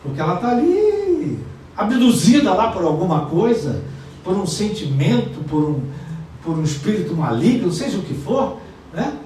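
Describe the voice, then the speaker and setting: A Brazilian man preaching a sermon as pastor, shifting from quiet asides to loud acted-out quotes. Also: high-pitched, very animated, moderate pace, distant mic, slight background noise. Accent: Brazilian Portuguese. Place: church sanctuary. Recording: echoey church room miked from afar.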